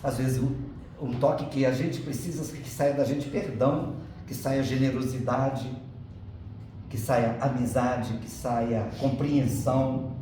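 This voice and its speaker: A man's voice: mid-range voice, steady tone, a little slow. A middle-aged man giving a spiritist lecture, chatty and playful, moving between earnest teaching and joking asides. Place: lecture hall. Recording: echoey hall from far off, faint background noise.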